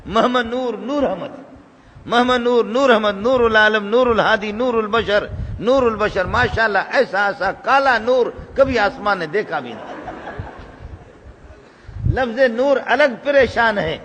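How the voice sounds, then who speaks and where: A man's voice: high-pitched, fairly bright tone, dull audio. A man preaching a sermon, telling stories with humor and repeating phrases for emphasis. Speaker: religious preacher. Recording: reverberant hall with faint background noise.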